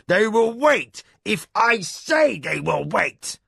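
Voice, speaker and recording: A man voicing a hot-tempered, domineering lord who shouts at his wife, in a raspy, gravelly voice. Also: medium pitch, big pitch swings, takes it slowly, dry recording, studio quality, exaggerated voice. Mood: furious shouting.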